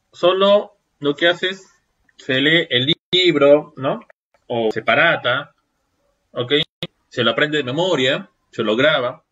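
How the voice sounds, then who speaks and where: Lecturer, male, mid-pitched voice, questioning teaching style, dull lo-fi sound. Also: bright, forceful tone. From Peru. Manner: rhetorical questions, frequent checking "¿sí?". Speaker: seminar lecturer. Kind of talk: online seminar lecture.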